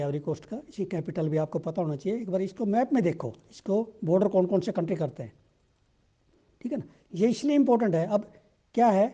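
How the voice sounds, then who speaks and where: A man with an Indian accent, teaching exam questions in a conversational way and reading statements aloud slowly. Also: sits high, warm tone. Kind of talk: explaining current-affairs exam questions.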